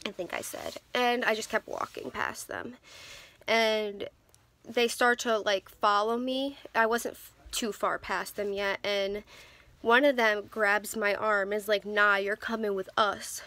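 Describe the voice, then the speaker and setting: A woman's voice: medium pitch, unhurried, a bit bright. A woman in her twenties vlogging to a phone camera, telling her stories candidly with lots of ums and restarts. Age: 20s. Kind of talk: casual storytelling to camera. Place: in a car.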